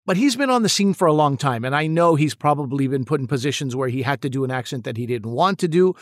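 A man's voice: medium pitch, animated, fast talker, dry recording, clean studio sound. A male actor and comedian answering interview questions thoughtfully, often restarting and repeating words.

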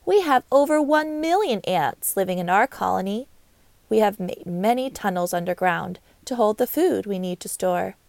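Proud worker ant, voiced by a woman, loud and brisk, a bit gravelly. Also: medium pitch, expressive, no room sound. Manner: brisk and loud, matter-of-fact. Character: strong, proud female worker ant, busy and friendly.

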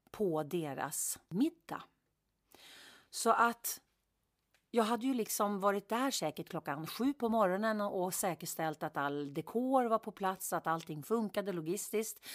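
Low-voiced woman vividly telling a personal story. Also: dry recording, studio quality. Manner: vivid, emphatic retelling with repetitions and self-corrections.

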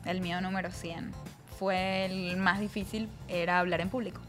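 A young Venezuelan woman with a Venezuelan accent, a guest in a casual interview, telling stories in animated, quick bursts. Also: on the low side, music in the background. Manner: animated storytelling, fast bursts. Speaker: guest speaker.

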